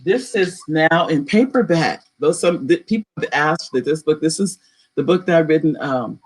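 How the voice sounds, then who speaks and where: A woman's voice: low voice, normal speed, husky. Woman hosting her talk show, gushing thank-yous, gracious and effusive.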